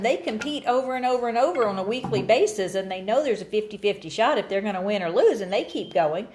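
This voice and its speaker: A woman talks in a bright, exclamatory way, her pitch swinging up and down as she chats with her partner. She sounds lively and openly excited, breaking into laughter. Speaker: co-host, pageant contestant. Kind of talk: casual couple's chat.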